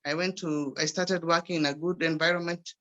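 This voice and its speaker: Bright-voiced Kenyan grandmother. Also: sits low, fairly even intonation, a little fast, lo-fi sound. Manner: conversational, with frequent restarts. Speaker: guest speaker. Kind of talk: personal testimony on a video call. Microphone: video call.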